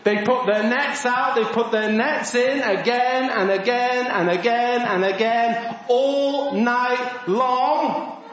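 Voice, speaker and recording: A man preaching an animated all-age sermon in a church, asking the congregation questions and acting out voices. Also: very high-pitched, slow pace, slight background noise. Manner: lively, asks the congregation questions, acts out voices. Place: church hall. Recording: echoey church, dull lo-fi sound.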